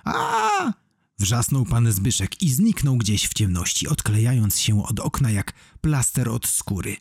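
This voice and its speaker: A man narrating a children's audiobook with expressive storytelling. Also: medium pitch, a little slow, husky, no echo, studio quality.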